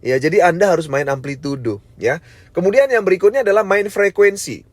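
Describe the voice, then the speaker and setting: A man teaching a sales training session, deliberately swinging between high and low pitch and fast and slow speech, often adding a tag word at the end of sentences. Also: dry recording. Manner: varies pitch and pace on purpose, frequent tag "ya"; addresses listeners as "sahabat sekalian". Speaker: network marketing trainer. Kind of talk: online training lecture.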